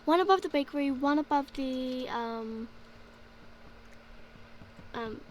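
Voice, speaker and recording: A young woman who makes gaming videos narrates her play slowly in a high voice, with slight background noise. Her casual voice-over wanders, and she keeps falling back on "like, yeah" and other fillers.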